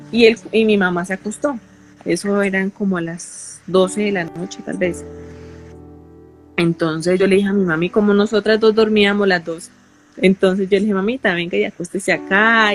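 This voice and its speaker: A woman with a Colombian accent giving an emotional personal testimony in an interview, halting and repeating phrases as she goes. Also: medium pitch. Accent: Colombian Spanish.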